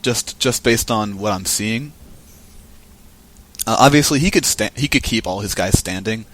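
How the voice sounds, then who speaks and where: A man's voice: on the low side, moderate pace, fairly bright tone. A man giving casual, chatty commentary on a card game match, thinking aloud as he goes.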